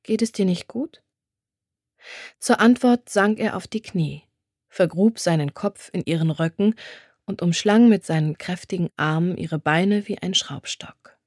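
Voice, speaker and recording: A woman narrating a novel in a measured, even storytelling manner. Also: lowish voice, slightly rough, no room sound, studio quality. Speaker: audiobook narrator.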